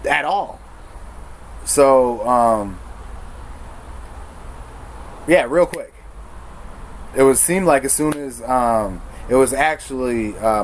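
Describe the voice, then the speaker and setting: Recounting his own recovery story, this storyteller speaks at medium pitch over a slight hiss or hum. His manner is frank and conversational, peppered with slang and self-corrections.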